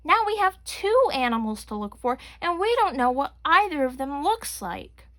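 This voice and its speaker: An eager little fox cub talks in a raised, curious voice, as a woman acts it out. It is a bright storybook kid animal. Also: high-pitched, sing-song, normal speed, no room sound, studio quality, voice pushed up.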